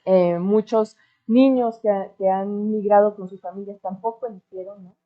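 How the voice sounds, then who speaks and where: A woman's voice: mid-range voice, steady tone, normal speed. A woman from Mexico speaking earnestly at an academic panel, with ironic asides and frequent tag questions. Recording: dull lo-fi recording.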